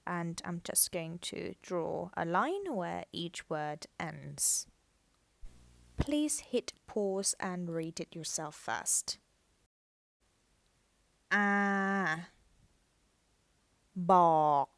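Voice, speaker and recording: A woman gives a careful language lesson and explains each step patiently. She talks slowly in a slightly low voice. The sound is dry and close, with no room echo. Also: sing-song, creaky. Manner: patient, explains step by step and repeats words for practice. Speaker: Thai language teacher. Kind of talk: slow, careful lesson narration.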